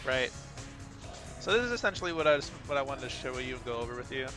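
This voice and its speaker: A video creator coaches a fighting game player, giving casual, instructive gameplay analysis and counting out inputs aloud as he walks through moves. He talks fast in a medium-pitched voice with lively intonation, over loud fighting game music and sound effects.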